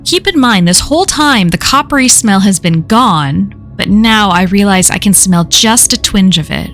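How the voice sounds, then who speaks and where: A woman reads a horror story aloud for a live stream, her voice sitting at an ordinary middle pitch. She keeps a measured storytelling pace and slows down where the story grows tense. Soft music plays faintly behind her. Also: animated.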